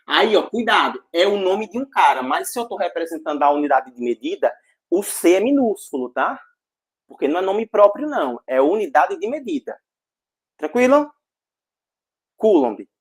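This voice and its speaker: A man teaching a physics class online, energetic and jokey, full of slang and check-ins with the students. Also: fairly high pitch.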